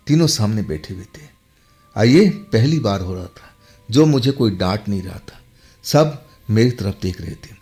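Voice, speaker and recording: A man's voice: fairly low pitch, a little mellow. A man telling a first-person horror story in a dramatic, emphatic way, with sudden jumps in his voice.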